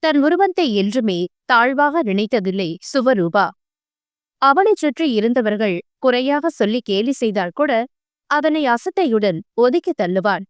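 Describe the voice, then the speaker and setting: A woman narrates an audio novel with a high, smooth, polished voice. Her reading is measured and expressive, and the recording is close and dry. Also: no room sound. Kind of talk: scripted narration.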